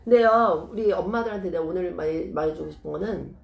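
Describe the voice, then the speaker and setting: A woman's voice: on the low side, fast, vocal fry, reverberant. A middle-aged woman explaining parenting in casual, persuasive talk, often asking rhetorical questions.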